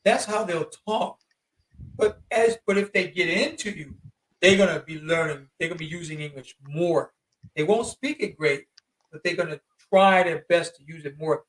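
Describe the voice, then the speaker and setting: A man in his fifties, an interview guest, telling travel stories in an animated, slangy, emphatic way. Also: on the high side, moderate pace, far from the mic, poor audio. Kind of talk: casual storytelling.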